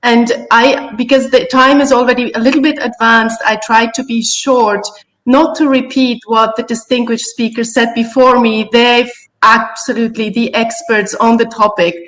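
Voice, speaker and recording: A woman's voice: on the high side, level tone, fairly bright tone, rough recording. Swiss woman giving a webinar talk. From Switzerland. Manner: measured, slightly searching for words. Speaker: invited speaker. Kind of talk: formal webinar address.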